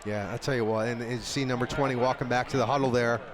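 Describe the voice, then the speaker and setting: A man's voice: mid-range voice, steady tone, quick pace. An American man giving live football analysis as a color commentator. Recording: clear outdoor stadium noise. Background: outdoor stadium ambience.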